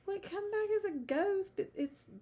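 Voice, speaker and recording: A woman's voice: very high voice, normal speed, dark tone. A woman with a Southern US accent co-hosting a podcast, telling local stories in a rambling, giggly way. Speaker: podcast co-host. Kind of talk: casual storytelling chat.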